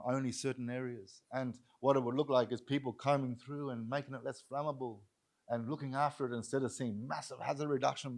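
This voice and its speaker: A man giving a public lecture as a guest speaker, talking earnestly and repeating key phrases for emphasis. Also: mid-range voice. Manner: acts out bystanders' voices in quotes.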